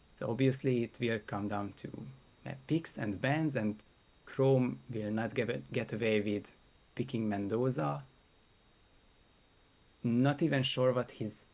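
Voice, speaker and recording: A man co-hosting a live stream, weighing up match predictions out loud in a casual, analytical way, his voice worn from hours of talking. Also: medium pitch. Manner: analytical, thinks aloud with restarts. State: voice strained from long talking. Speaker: co-host and commentator. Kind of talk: casual esports prediction chat.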